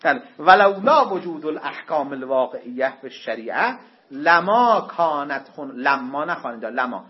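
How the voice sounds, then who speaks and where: A man's voice: a little high, expressive. A man teaching a seminary class on Islamic law, emphatic, with joking asides to his students. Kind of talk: classroom lecture on Islamic jurisprudence. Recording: dull lo-fi classroom recording.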